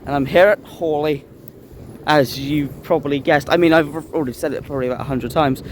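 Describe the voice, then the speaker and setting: This vlogger explains things casually while standing outside at a train station, his slightly high voice moving a little fast with fairly even intonation. Trains and general station sounds hum faintly in the background.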